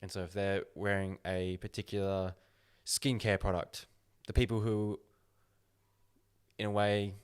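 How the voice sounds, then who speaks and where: A man hosting a casual podcast chat, talking slowly and deliberately as he gives his opinions. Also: fairly low pitch, flat delivery, smooth. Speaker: podcast host.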